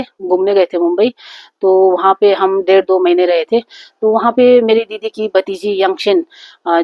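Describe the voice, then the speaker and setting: A female YouTube vlogger chats casually to camera about her channel, recorded on a phone. A cold has left her with a sore throat, and she rambles with lots of fillers and restarts. Her voice is medium-pitched, and the dry recording sounds lo-fi.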